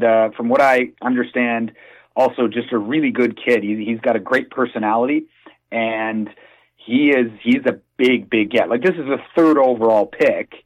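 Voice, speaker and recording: A man's voice: medium pitch, poor audio. A man, a hockey team's PR director, talking eagerly in a radio interview. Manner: enthusiastic, talks in bursts with fillers. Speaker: hockey team PR director and play-by-play announcer.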